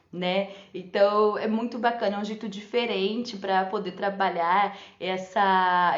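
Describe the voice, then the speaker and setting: Chatty woman teacher in an echoey room. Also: medium pitch. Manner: chatty, often adds "né?" and laughs. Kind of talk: live talk on teaching for parents and teachers. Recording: echoey room, slightly dull lo-fi sound.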